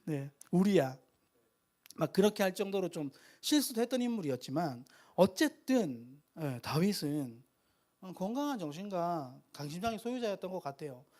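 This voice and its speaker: A man's voice: sits high, big pitch swings, moderate pace, a little mellow. A man giving a chatty, conversational sermon at a live worship meeting, stopping to correct himself and laughing at his own slips.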